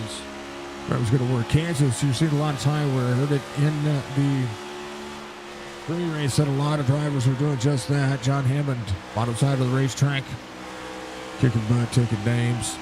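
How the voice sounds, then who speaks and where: Male sim race caller, average pitch, informal and talkative, speaking through a barely opening post-surgery mouth, clear engine noise behind. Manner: chatty, addresses viewers and drivers directly. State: mouth barely opens after facial surgery, slightly impaired speech. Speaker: sim racing commentator. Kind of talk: casual live race commentary. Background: race car engine noise.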